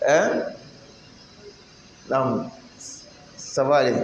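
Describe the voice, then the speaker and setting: A man giving a religious lesson to a class, explaining slowly, asking them questions and reciting Arabic phrases. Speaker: religious teacher. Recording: echoey room, faint rumble.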